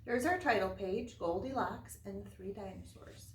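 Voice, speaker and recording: A woman with a medium-pitched voice and moderate pace teaches young children, keeping explanations simple, posing questions to the listener and reading aloud in an early-grade lesson. The sound is roomy, with a distant mic and faint noise.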